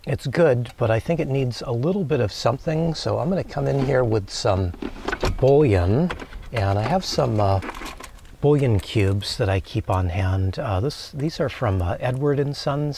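A man in his forties calmly talking through a recipe while cooking in a small camper van kitchen, with many relaxed "uh"s. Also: medium pitch, husky. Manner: calm, unhurried, many filler "uh"s. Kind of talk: casual cooking demonstration.

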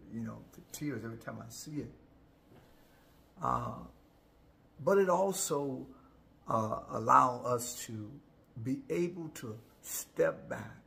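A man in his sixties speaking as a chaplain in a personal, reflective devotional talk, halting and heartfelt, with repeated words and long pauses. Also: medium pitch, gravelly, pushed and bright, slight background noise. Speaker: chaplain, host. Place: indoor room, home studio.

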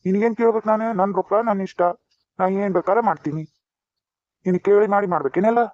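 A man's voice: sits high, fast, darkish tone, no room sound, lightly acted. A man voicing an angry, defiant drunk young husband with a North Karnataka accent in a cartoon, brusque and scornful. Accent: North Karnataka Kannada. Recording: dry, dull lo-fi sound.

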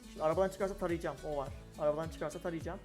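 A young man giving live commentary on his own gameplay, excitable and talking to himself and his opponents. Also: fairly high pitch, very fast. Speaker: gaming streamer. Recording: game music and gunfire behind. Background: game music and gunshots.

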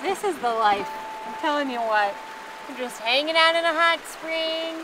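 A woman's voice: high voice, normal speed, over music, low-quality recording. A woman in her thirties hosting a casual travel vlog, talking enthusiastically outdoors by a river hot spring. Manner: enthusiastic, gushing. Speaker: vlog host.

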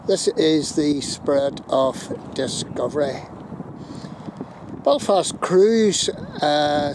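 On a windy hilltop viewpoint, a middle-aged man with a Northern Irish accent and a fairly high voice vlogs with a handheld phone camera. His walking commentary is casual and rambling, peppered with fillers and self-corrections, over wind noise on the phone mic.

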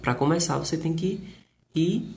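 A man with a Brazilian Portuguese accent teaching English on a live stream. He explains slowly and repeats himself, with playful jokes, and reads out viewer comments. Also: on the high side, vocal fry, a little mellow. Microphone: live stream setup.

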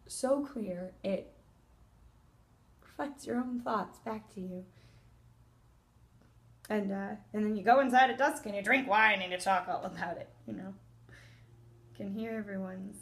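A woman in her twenties playing a defensive young woman recalling a lost love in a halting, emotional theatrical monologue. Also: medium pitch, natural voice. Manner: halting, emotional, swinging between loud insistence and hushed wistfulness. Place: indoor room, plain wall.

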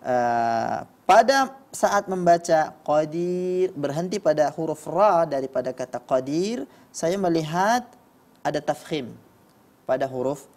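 Male judge, calm instructive critique, demonstrates pronunciation. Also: a little high, slow pace. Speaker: Quran recitation judge. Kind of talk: spoken critique of recitations.

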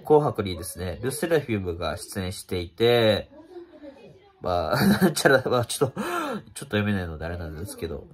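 A young man with a stuffy, congested nose and nasal sound, talking casually and haltingly to camera as a vlogger. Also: on the low side, big pitch swings. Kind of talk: casual spoken commentary to camera. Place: small room at home, indoors.

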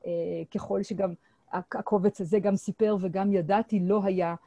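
A woman's voice: medium pitch, steady tone, dark tone, dry recording. A middle-aged woman historian giving an academic lecture at an online seminar, speaking hesitantly with many filler sounds and restarts. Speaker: Holocaust historian presenting her research. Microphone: computer mic on a video call.

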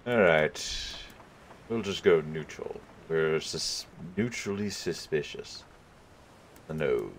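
A bass-voiced gaming video host speaks slowly but expressively, with a little hiss or hum in the background. He comments casually on his play, weighing his choices aloud and chuckling occasionally.

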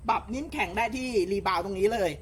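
A man with a fairly high, light voice walks through jet skis for sale in easy, polite chatter. He often stops for fillers and corrects himself as he goes. Faint noise sits behind him. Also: fast, fairly bright tone. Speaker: jet ski shop salesman. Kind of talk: casual sales walkthrough.

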